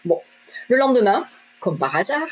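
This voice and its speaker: A middle-aged woman from southwest France tells her story as an interview guest. Her voice is husky, and her delivery is direct and lively, slipping into the voices of the people in her tale. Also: a little high, normal speed. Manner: direct, lively, acts out dialogue. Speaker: guest, shop owner. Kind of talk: animated personal storytelling.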